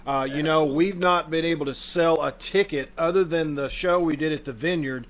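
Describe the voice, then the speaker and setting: Over a video call, a community theater troupe's host, with a voice slightly higher than most, welcomes everyone at a normal speed. His manner is informal, and he speaks straight to the audience.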